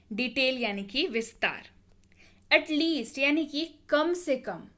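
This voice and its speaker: Woman teacher, slightly high voice, slow deliberate drilling of word meanings. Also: a bit bright. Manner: patient, drills each word twice, corrects pronunciation. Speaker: English teacher. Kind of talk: vocabulary lesson, word then meaning, repeated slowly.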